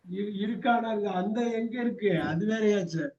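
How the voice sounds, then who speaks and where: High-voiced teacher drilling in dull audio. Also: male voice, moderate pace, a little mellow, slight background noise. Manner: gives prompts again and again, corrects answers patiently. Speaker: English teacher. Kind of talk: bilingual class drilling.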